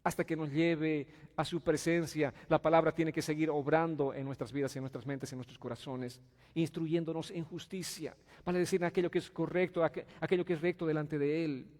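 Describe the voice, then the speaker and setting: A man pastor preaching a sermon, swinging from hushed pleading to loud exclamations and asking his congregation questions. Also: fairly high pitch, steady tone, a little fast, big-room sound. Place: church sanctuary.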